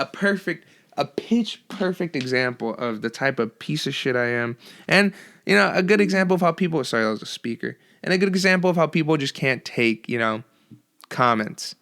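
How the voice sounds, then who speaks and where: A man's voice: on the high side, expressive, moderate pace, pushed and bright. A young man hosting a solo podcast, ranting casually and profanely with lots of restarts. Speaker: podcast host.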